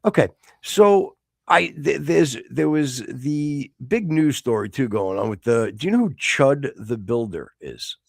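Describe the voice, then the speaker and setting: A man from the United States co-hosting a casual podcast, rambling with many restarts and sudden excited outbursts. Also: medium pitch, a little slow, vocal fry, dry recording, studio quality. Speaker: podcast co-host.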